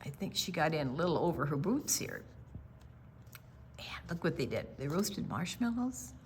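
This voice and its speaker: With a low, sing-song voice, an older woman reads a picture book aloud to children during storytime. Her phrasing is dramatic and measured, punctuated by quieter asides, and there is slight background noise in the recording.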